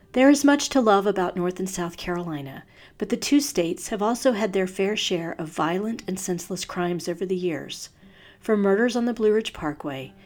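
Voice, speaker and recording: Female true crime narrator for a podcast: mid-range voice, serious, measured reading of scripted case stories. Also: medium pitch, a little mellow.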